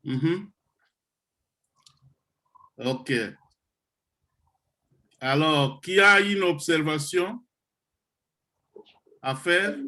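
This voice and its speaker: A middle-aged Congolese man, founder of a project running an online computer course, gives a motivational talk to his trainees over a video call. He speaks slowly and deliberately, pausing and hesitating, and his voice sits on the high side, pushed and bright.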